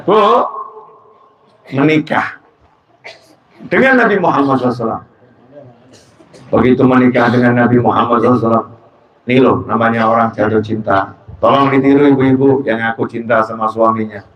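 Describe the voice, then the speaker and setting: A man preaching a religious sermon to a gathering, animated, swinging between soft and loud delivery with playful asides. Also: mid-range voice, fairly quick, long pauses, muffled recording. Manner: acts out quoted lines in dramatized voices.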